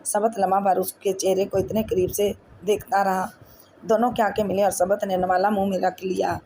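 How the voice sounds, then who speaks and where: A woman narrating a romance novel in a steady, even audiobook reading. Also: medium pitch, slight background noise.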